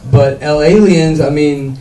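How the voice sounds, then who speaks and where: A stand-up comedian from Louisiana, rambling with lots of fillers on a club stage. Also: male voice, a little high, a little slow, mellow. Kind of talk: stand-up routine. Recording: echoey club, mic from far off.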